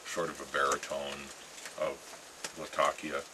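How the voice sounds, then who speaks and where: Very low-voiced American man, musing casually. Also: completely flat delivery. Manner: musing, halting, with trailing phrases. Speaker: pipe-smoking vlogger. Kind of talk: casual rambling chat to camera. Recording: clear ambient noise with birdsong.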